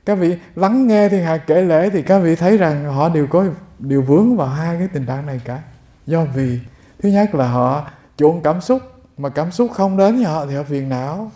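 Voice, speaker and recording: This monk's mellow voice, on the high side, fills a roomy space as he gives a Dharma talk. He tells stories and addresses the listeners head-on.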